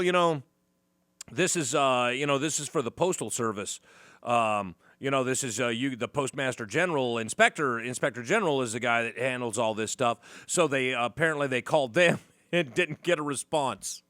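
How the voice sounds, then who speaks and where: A man's voice: medium pitch, fairly bright tone, dry recording, studio quality. A man hosting a morning radio talk show, chatting casually with a wry, joking manner and plenty of fillers. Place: radio studio. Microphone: studio microphone.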